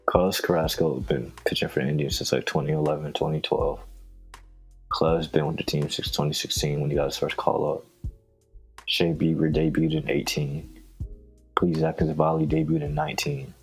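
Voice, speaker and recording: A man co-hosting a podcast, chatting casually and excitedly about his team, bragging with frequent laughs. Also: rumbling low, gravelly, rough recording. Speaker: podcast co-host. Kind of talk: casual sports chat.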